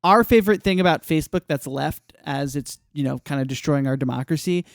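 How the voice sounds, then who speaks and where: High, clear-voiced joking podcast host. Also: male voice, fairly quick, no room sound, clean studio sound. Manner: animated, joking, emphatic. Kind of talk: casual podcast chat.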